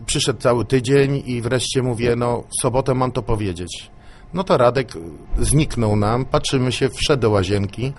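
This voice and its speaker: A man's voice: lowish voice, slight background noise. A middle-aged man, a swimmer's father, telling family stories in a casual interview and repeating "he says" as he goes. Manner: rambling storyteller, repeats "mówi" often.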